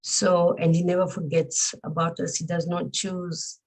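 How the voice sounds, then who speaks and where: Soft-voiced woman from Zambia, earnest. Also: lowish voice, little pitch movement, rough recording. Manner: earnest, reflective, with frequent pauses and fillers. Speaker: guest. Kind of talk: personal testimony interview.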